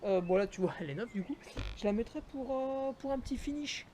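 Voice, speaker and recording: A man's voice: very high-pitched, lively intonation, brisk, a little mellow, a little hiss or hum. A young man, a trail runner, chatting casually and jokingly to the viewer while reviewing his running shoes. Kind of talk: casual gear review vlog.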